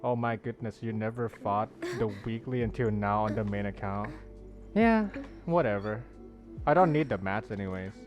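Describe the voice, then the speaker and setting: A man with a fairly low, animated voice speaks at a moderate pace while livestreaming a game, chatting casually with viewers, greeting them warmly and reading chat aloud. The recording sounds muffled, with soft music playing behind him.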